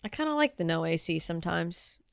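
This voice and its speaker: A woman's voice: on the low side, animated, fairly quick, creaky, clean tone, no echo, studio quality. A young woman co-hosting a podcast, chatting with blunt, profane banter. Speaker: podcast co-host. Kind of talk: casual chat.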